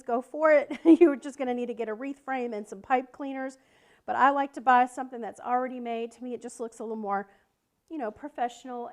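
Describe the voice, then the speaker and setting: A woman with a Southern American accent teaching wreath making on a live stream, chatting with viewers and greeting them by name as she works. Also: a little high. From South Carolina, United States. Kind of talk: live-stream craft tutorial.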